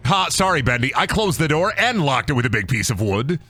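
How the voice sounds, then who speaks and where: A man doing comedic commentary on a game stream, crude, joking and animated. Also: mid-range voice, brisk, faint music behind. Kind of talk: comedic let's-play commentary.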